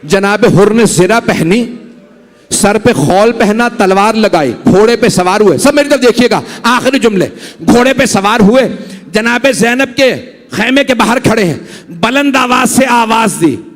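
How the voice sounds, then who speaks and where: Cleric preaching a mourning sermon, high voice, big hall reverb. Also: male voice, expressive, measured pace. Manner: emotive storyteller, urges listeners to watch him. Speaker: Shia cleric. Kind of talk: Muharram majlis sermon.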